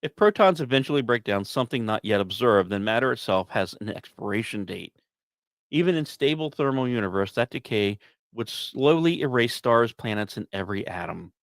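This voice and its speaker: A podcast host delivers science news from a script but keeps slipping into casual, wry, self-deprecating asides. His mid-pitched voice is expressive and brisk, swinging widely with theatrical emphasis, and the recording is dry with very little room sound.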